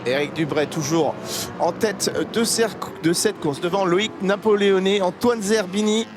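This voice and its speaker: High-voiced male motorsport commentator over roaring engines. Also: normal speed. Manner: motorsport commentator calling the action. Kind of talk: live motorsport race commentary. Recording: loud engine and trackside noise.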